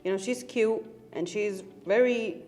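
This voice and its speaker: A woman's voice: medium pitch, measured pace, darkish tone. A woman co-hosting a casual news chat show, asking lots of curious questions in an easygoing way. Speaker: co-host.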